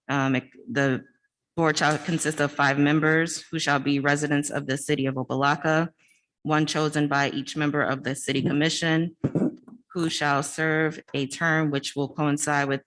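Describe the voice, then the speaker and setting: A woman board member reads aloud at a public meeting. Her voice is muffled, as if it comes through a wall, with parts of the recording sounding a little distant. Her pitch stays level and flat throughout. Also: a little hiss or hum. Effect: muffled, as if heard through a wall.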